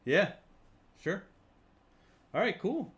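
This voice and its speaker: A man hosting a tabletop game stream as game master, talking in a relaxed, hesitant way with many ums as he wraps up the session. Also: high-pitched, slow.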